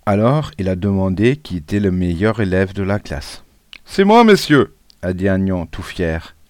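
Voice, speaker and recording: Lively low-voiced male storyteller. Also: moderate pace, dry recording, clean studio sound. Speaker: narrator. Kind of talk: storybook reading.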